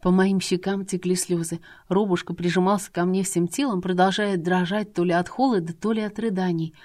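A woman reading a first-person audiobook with expressive, emotional storytelling. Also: on the low side, fairly quick. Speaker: audiobook narrator.

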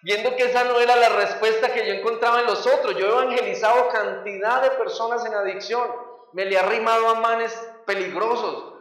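A Colombian man preaching a testimony in a high, bright-edged voice. He tells his story with lively energy, acting out the scenes. The sound is caught from far off and rings through a big echoey hall. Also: fairly quick. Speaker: youth pastor giving a testimony. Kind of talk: sermon testimony.

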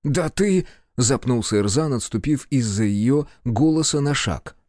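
Man narrating an audiobook, dark tone. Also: mid-range voice, normal speed, no room sound, studio quality. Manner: steady storytelling.

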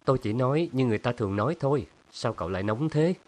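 A man voicing an assured older art collector in a storybook reading, speaking smoothly and without hurry. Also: mid-range voice, lively intonation, fast talker, darkish tone, voice pushed up, close to an everyday voice.

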